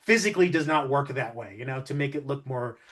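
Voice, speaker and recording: A man co-hosts an interview, chatting casually and musing at length, often circling back to rephrase his points in a discursive conversation. His mid-range voice moves at a quick pace and sounds a bit bright.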